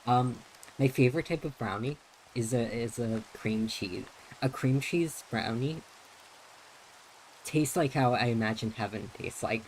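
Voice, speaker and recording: A young male game streamer with a mid-range voice that leans neutral-to-feminine speaks at a measured pace with a light, lilting delivery. He rambles through casual live-stream chat while playing, restarting often and using lots of fillers. The recording is rough, with slight background noise.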